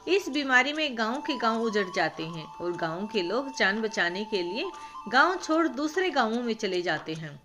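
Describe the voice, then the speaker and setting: A woman's voice: on the high side, big pitch swings, moderate pace. A woman reading a storybook voices a frail, sick old village man who pleads with a visitor. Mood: earnest. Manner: pleading, then earnest and heartfelt. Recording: background music.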